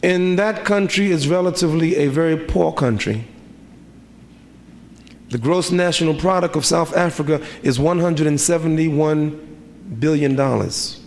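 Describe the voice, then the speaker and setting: A man's voice: a little high, slight background noise. Man preaching in a reverberant hall. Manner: rhythmic preaching with repeated rhetorical questions. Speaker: imam. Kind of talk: sermon. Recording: reverberant hall, faint ambience.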